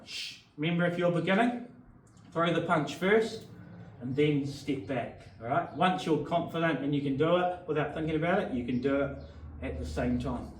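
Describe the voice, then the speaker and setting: Man, boxing coach, slightly high voice, punch-by-punch instruction, sharp exhales, distant mic. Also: moderate pace. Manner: sharp breathy exhales while demonstrating punches. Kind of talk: instructional demonstration, short punch cues. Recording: roomy echo, distant mic, faint noise.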